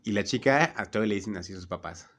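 A man's voice: fairly low pitch, quick pace. A young man with a Mexican accent telling funny stories in casual chat, laughing and acting out the voices. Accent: Mexican Spanish. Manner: animated, laughing, acts out voices in his stories.

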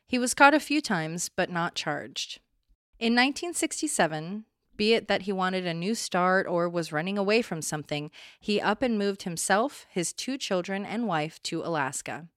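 A woman's voice: lowish voice, expressive, normal speed, no echo, studio quality. A woman hosting a true crime podcast, reading a scripted account and breaking in with blunt, opinionated asides.

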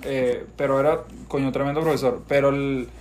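A man's voice: medium pitch, fairly even intonation, darkish tone, slight background noise. A young man with a Venezuelan accent, co-hosting a podcast and bantering crudely and freely. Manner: profane, quick banter. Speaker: podcast co-host. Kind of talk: casual podcast chat.

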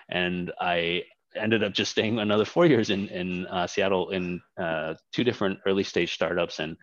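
A man's voice: low voice, dry recording. A man in his thirties from Canada, born in Hong Kong, a startup co-founder talking casually in an interview with many fillers and restarts. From Hong Kong, raised in Canada. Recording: dull lo-fi dry sound.

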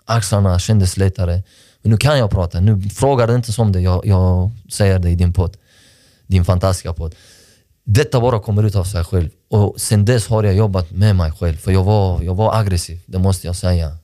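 A man's voice: sits low, mellow, no room sound, studio quality. A man talking about his past in a podcast interview, earnest and reflective, often restarting his sentences. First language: not Swedish. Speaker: podcast guest, sports director. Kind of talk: personal interview talk.

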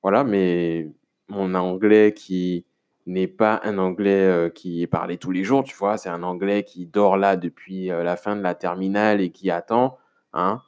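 A man's voice: sits low, fairly even intonation, measured pace, darkish tone, smooth. A man from France talking alone on his podcast, rambling casually with many fillers and restarts and speaking to the listener informally. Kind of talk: casual solo podcast monologue.

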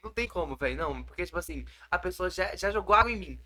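Fast, bright-voiced teen boy joking. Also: high-pitched, animated. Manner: slangy, joking banter. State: sore throat. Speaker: podcast co-host. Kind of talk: casual chat.

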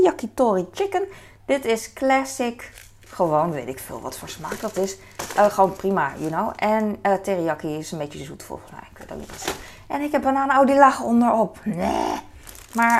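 A woman's voice: lowish voice, slight background noise. Chatty woman rambling through groceries. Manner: chatty, rambling, many hesitations. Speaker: vlogger. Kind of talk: casual grocery haul chat.

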